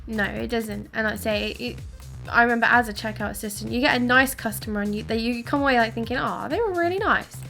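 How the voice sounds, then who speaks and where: A young woman talks over voice chat during a relaxed game session. Her voice is bright and sits a little high, and she keeps the talk lively and emphatic. Faint game music plays underneath. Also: quick pace, vocal fry. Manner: chatty, emphatic, acts out quotes. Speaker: co-host. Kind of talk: casual chat while gaming.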